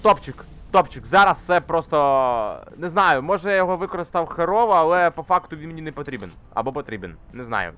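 A young man commenting casually on a climbing game he plays, swearing often and shouting when things go wrong. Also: fairly high pitch, very animated, fairly quick, few pauses. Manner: swears constantly, shouts in frustration while climbing. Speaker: gamer. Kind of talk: casual let's-play commentary. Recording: faint game music behind.

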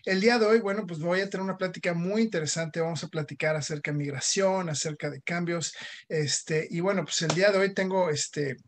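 A man's voice: high-pitched, steady tone, brisk. A man, hosting a casual video-call interview, talking in loose, restarting sentences. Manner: chatty, many fillers and restarts. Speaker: podcast host. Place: home room. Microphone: headset on video call.

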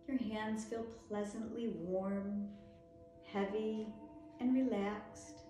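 A woman guides a relaxation meditation very slowly in a soft, soothing voice of medium pitch. She leaves long, gentle pauses between short phrases. The sound is heavily reverberant, with music playing behind her.

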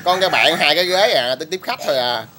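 A man vlogging about raising chickens, talking in a rough, blunt way, ranting at critics and then explaining plainly. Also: on the high side, fast, bright, forceful tone, soft background music. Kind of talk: casual vlog talk.

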